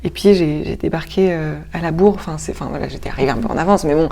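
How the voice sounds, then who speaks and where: A woman with a lowish, mellow voice answers in a relaxed interview. She hesitates often, circling back and restarting her sentences as she searches for her words, then gets lively when she tells a story. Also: fast talker, creaky. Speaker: actress and stage director, interview guest. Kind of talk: casual conversational interview.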